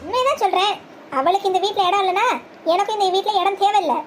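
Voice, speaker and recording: A man's voice: very high-pitched, steady tone, fast talker, a little hiss or hum. A performer voicing a stubborn young husband who stands by his wife, speaking firmly in a scripted family drama. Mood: defiant. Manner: firm, defiant.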